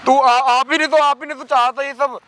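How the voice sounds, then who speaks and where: A man's voice: very high-pitched, fairly even intonation, normal speed, fairly bright tone. A young man playing a frightened student nephew who keeps pleading and protesting, often repeating himself. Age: young adult. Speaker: actor in a short drama.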